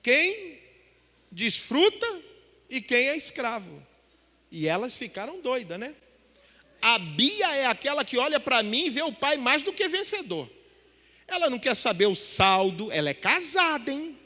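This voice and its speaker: A middle-aged man preaches on a stage mic in a church hall, his voice unusually high and bright. The long reverb trails after each phrase. He keeps the congregation engaged with rhetorical questions. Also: big pitch swings, unhurried. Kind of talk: sermon.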